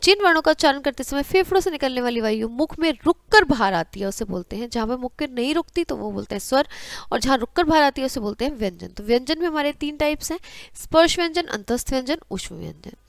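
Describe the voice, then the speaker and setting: Lady teacher, fairly high voice, reciting letters for the class, dry close sound. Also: expressive, quick pace, gravelly, no echo. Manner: addresses students as beta, recites letters in drills. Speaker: Hindi teacher. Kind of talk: classroom grammar lesson.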